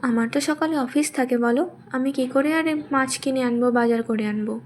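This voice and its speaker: A woman's voice: sits high, moderate pace, slight background noise, lightly acted. A woman voicing a mild husband who works in an office and soothes his wife in a cartoon story. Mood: placating. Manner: soothing, placating.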